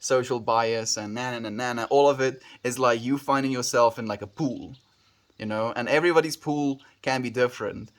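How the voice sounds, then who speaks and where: A South African livestreamer chats casually with viewers, answering their questions in an easygoing way, calling them dude and bro and trailing off mid-sentence. His mid-range voice is steady and moderately paced.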